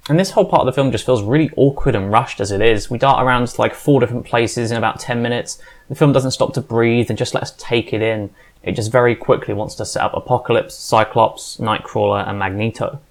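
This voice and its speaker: A man's voice: mid-range voice, a little fast. A man narrating a scripted film review in a sarcastic, complaining way. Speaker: film critic vlogger.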